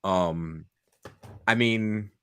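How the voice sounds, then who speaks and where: A man co-hosting a podcast in casual chat, animated and laughing often, with lots of filler words. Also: lowish voice, very slow, clear, resonant tone. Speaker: podcast co-host.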